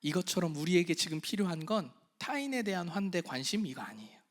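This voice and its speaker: Preaching in a church hall, this pastor's high, very animated voice swings from quiet half-whispers to loud, drawn-out emphasis. He questions his congregation and then supplies the answers himself.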